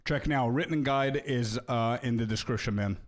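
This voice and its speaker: Moderately paced and mid-range in pitch, this young streamer chats easily with viewers as he plays a video game. He's relaxed and friendly, answering their comments, tossing out "bro" a lot and echoing his own words as he works things out aloud.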